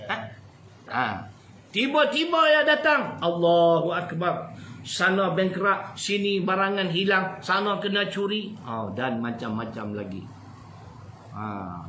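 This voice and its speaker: A man with a Malaysian Malay accent giving a lively, humorous religious lecture to an audience. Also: high voice, slow, reverberant, a little hiss or hum, low-quality recording. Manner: animated, jokey, switches between loud and soft. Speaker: preacher.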